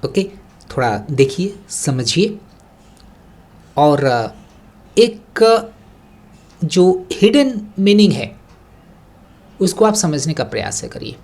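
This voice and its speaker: Slow, patient male exam-prep tutor. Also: fairly high pitch, big pitch swings, a little mellow. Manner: reads English sentences slowly word by word, then explains; patient, explanatory teacher tone. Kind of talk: online exam-prep lesson.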